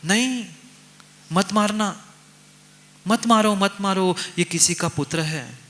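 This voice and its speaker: A man's voice: on the high side, moderate pace, fairly bright tone, long reverb tail, natural voice. A man preaching acts out a grieving queen mother who begs for an enemy's son to be spared, repeating her pleas insistently. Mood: pleading. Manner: pleading, insistent repetitions.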